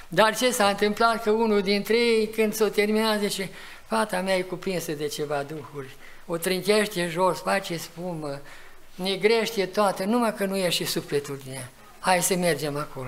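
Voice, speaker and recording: Old guy in his 80s preaching in church, highish voice, storytelling then pushing hard. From Romania. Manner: tells stories, rising to loud exhortation. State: sweating. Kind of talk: farewell sermon with testimony. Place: church hall. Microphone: live church recording.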